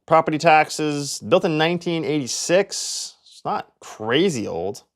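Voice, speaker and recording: Speaking on the high side with an expressive, unhurried delivery, this young man from Canada hosts a relaxed real estate tour. As agent and video host, he chats freely and fills his talk with "like" and other fillers.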